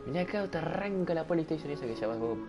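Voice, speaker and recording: A man imitating a nagging mother, shouting her son to come eat. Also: on the high side, animated, quick pace, music in the background, pitched above the performer's own voice, lightly acted. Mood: scolding. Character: scolding mother shouting for dinner.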